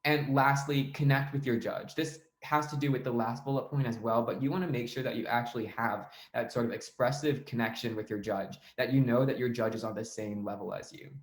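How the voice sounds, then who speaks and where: A young man explains how to give better debate speeches in a casual online lesson. He keeps a loose, conversational tone and leans on fillers as he goes. His mid-pitched voice rings in an echoey room. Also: steady tone, brisk, hardly any pauses. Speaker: debate coach.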